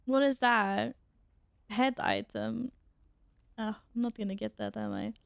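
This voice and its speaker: Chatty woman streamer, slightly high creaky voice. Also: fairly even intonation, measured pace, no echo. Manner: chatty, informal, exclamatory. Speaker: live game streamer. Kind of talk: casual live gameplay chat with viewers and teammates.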